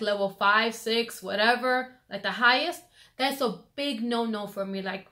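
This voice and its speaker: A woman's voice: a little high, fairly bright tone. A woman vlogger chatting casually through her hair routine, full of fillers, recorded on a phone camera. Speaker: beauty vlogger.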